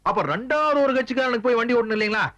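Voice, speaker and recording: Cheeky fast-talking comic man. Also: very high-pitched, pushed and bright, highs cut off. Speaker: comic driver. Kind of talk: comedy sketch dialogue.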